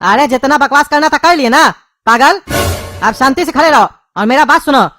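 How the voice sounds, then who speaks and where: A woman's voice: high-pitched, moderate pace, over music, natural voice. Woman voicing a bossy cartoon dad. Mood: defensive. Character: middle-aged father, irritable and bossy. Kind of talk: cartoon dubbing.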